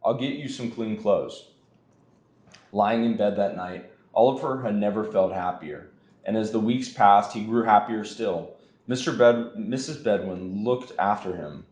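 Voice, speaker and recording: Young male reader, expressive storybook read-aloud, fairly low voice, echoey room. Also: normal speed. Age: young adult. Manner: expressive reading. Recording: roomy echo.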